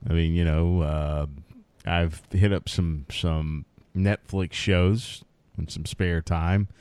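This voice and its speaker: A man's voice: low voice, slow, clean tone, no room sound. A man co-hosting a sports podcast in casual chat, laughing easily. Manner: animated, laughs easily, counts in the show. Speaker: podcast co-host.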